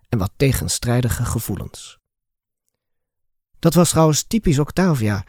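A man reading his own short story aloud, measured and expressive, lifting his voice for the characters' lines. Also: medium pitch, dry recording, clean studio sound.

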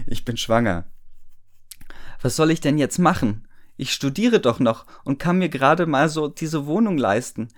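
A man reading a story aloud for comedy, amused, often laughing and breaking off to mock the text. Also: mid-range voice. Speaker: reader and commentator.

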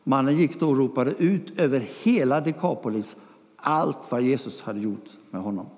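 A man preaching a sermon, retelling a story with lively questions and quiet asides. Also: medium pitch, in a large hall.

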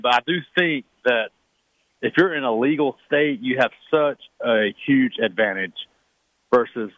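A man at a middle pitch talks earnestly as a radio show guest, pushing his points in a persuasive way. His voice comes over a tinny phone line, dry and close. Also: dry recording. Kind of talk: casual radio chat.

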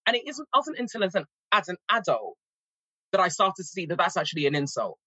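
A woman's voice: fairly low pitch, big pitch swings, fairly quick, bright, forceful tone, husky, dry recording, dull audio. A woman in her forties with a North London accent, a language teacher talking earnestly in a podcast conversation. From England. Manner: earnest, reflective, emphatic.

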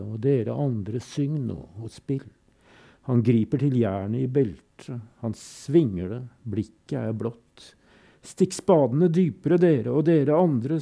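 A poetry reader and commentator recites poems slowly and solemnly, leaving long pauses between lines, and adds brief spoken comments between poems. His voice is gravelly and very dark, with a mellow, low warmth.

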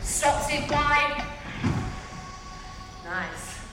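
Woman fitness instructor, high voice, measured cueing and counting, upbeat, heard from afar in a reverberant hall. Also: expressive. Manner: upbeat, encouraging, calling out to a class. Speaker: group fitness class instructor. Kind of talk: calling out exercise cues with counts. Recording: echoey hall, distant mic, loud music. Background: loud workout music.

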